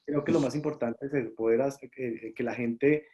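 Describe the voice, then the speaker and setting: Steady, warm and mid-range at a moderate pace, this man's voice carries a Colombian Spanish accent. He's a series producer from Colombia, giving considered interview answers full of fillers and false starts.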